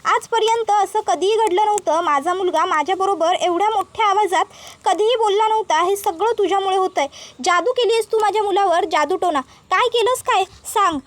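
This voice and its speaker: A woman's voice: very high voice, normal speed, no room sound. A woman voicing a furious, proud middle-aged mother-in-law who scolds insistently. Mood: angry.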